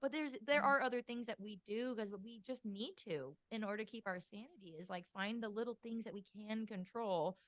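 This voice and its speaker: A woman's voice: mid-range voice, moderate pace, hardly any pauses, a bit bright, no room sound. A woman hosting a podcast, talking casually with many fillers and easy laughter. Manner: chatty, lots of "like", laughs easily. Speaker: podcast host.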